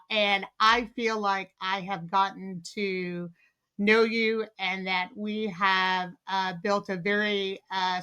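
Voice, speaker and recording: Female podcast host, bright tone, eager and chatty with lots of "uh"s. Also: mid-range voice, clean tone. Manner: enthusiastic, many fillers and restarts. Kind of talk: podcast interview.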